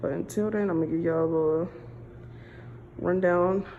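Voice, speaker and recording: A woman's voice: lowish voice, steady tone, normal speed, mellow, muffled recording. A woman casually talking to her viewers in a vlog from the gym and her car, chatty and cussing freely, calling them y'all. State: out of breath. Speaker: vlogger. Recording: noisy phone recording, ambient background.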